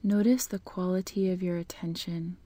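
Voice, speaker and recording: A woman leading a guided meditation in a slow, soft voice that often drops into a whisper. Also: lowish voice, fairly even intonation, no room sound.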